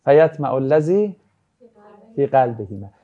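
A man's voice: mid-range voice, narrow, tinny audio. A man teaching a religious ethics class, lecturing casually and acting out anecdotes with jokes. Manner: lively, jokey, acts out anecdotes.

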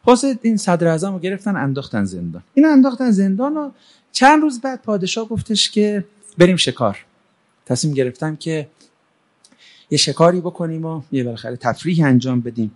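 A man casually retelling a folk tale in a fairly high voice. His intonation rises and falls a great deal. The telling stays loose and conversational, with everyday fillers. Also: very animated. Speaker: storyteller. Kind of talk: casual oral storytelling.

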